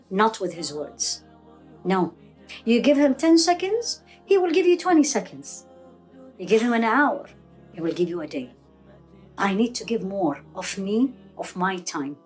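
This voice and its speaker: A middle-aged woman from Iraq giving religious advice in an interview, earnest and fond of rhetorical questions. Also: medium pitch. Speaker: guest speaker, Islamic teacher.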